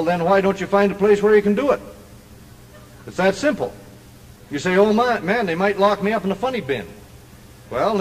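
A man's voice: sits high, slight background noise. A man preaching a sermon to a congregation, emphatic and conversational, building to ringing declarations. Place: church hall before a congregation. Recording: long reverb of a church hall.

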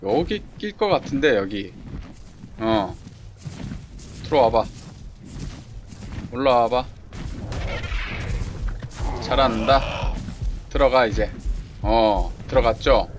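A man in the middle of a game stream, speaking slowly in a mid-range voice with game sounds clearly underneath. He chatters to the creatures on screen and breaks into quick repeated exclamations. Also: medium pitch. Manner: talks to himself and the game creatures, excited exclamations. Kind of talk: casual gameplay commentary. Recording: clear background game noise.

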